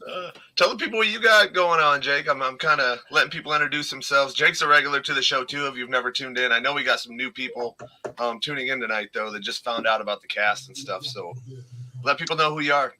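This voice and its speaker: A young man hosting a live podcast in loose, swearing banter with his guests. His voice is very bright and sharp, sitting in an ordinary middle pitch, and he laughs easily between lines. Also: quick pace. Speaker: podcast host. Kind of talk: casual live podcast chat.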